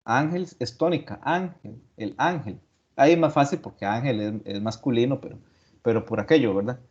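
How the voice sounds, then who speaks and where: A male teacher lecturing in an online class at a middle pitch. He works through points step by step, asks rhetorical questions and repeats key terms. The audio sounds dull and lo-fi. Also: quick pace, a little mellow.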